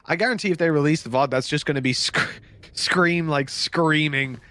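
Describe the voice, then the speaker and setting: A man giving excitable play-by-play commentary on an esports match. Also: normal speed. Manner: excitable, pitch climbs sharply in big moments. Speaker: esports caster. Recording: broadcast with game noise behind.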